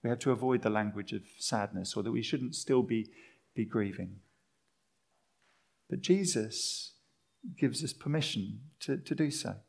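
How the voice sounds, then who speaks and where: A man delivers a sermon in an animated way, his voice swinging between lively emphasis and hushed, slowed passages. His pitch sits in a middle range. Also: vocal fry. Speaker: preacher.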